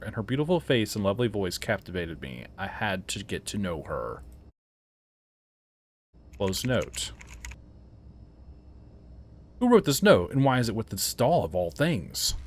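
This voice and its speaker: Lively low-voiced man thinking aloud. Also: slight background noise. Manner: puzzled, thinking aloud, startled yelps and laughs. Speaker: game reviewer playing a horror game. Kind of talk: casual let's-play commentary.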